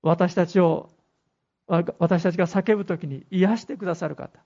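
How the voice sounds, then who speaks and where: Gravelly-voiced man preaching a sermon. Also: high-pitched, fairly even intonation, mellow. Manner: earnest preaching with pauses, reading scripture aloud. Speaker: pastor. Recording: dull lo-fi recording.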